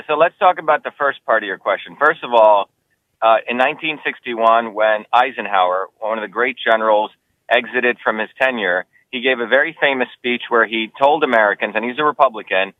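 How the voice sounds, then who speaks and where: A man's voice: no room sound, narrow, tinny audio. A man, who grew up in New Jersey, answering interview questions as a political candidate, talking emphatically and insistently. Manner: emphatic, insistent, rising pitch when heated.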